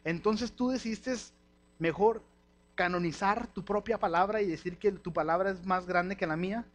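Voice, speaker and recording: Lively Mexican preacher man, fairly high voice. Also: normal speed, slight background noise. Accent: Mexican Spanish. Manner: lively, slangy, acts out quoted voices. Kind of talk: sermon.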